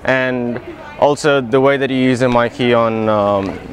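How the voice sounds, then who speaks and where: A man with a medium-pitched voice talks through his opinion. It is a casual street interview. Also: fairly even intonation, measured pace. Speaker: member of the public. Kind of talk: casual street vox pop.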